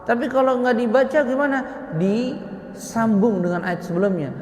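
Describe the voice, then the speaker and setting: A man teaching Quran recitation rules to a congregation, slowly explaining and asking rhetorical questions. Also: extremely high pitch, lively intonation. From Indonesia. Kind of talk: tajwid lesson to a congregation. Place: prayer room. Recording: echoey prayer room, faint ambience.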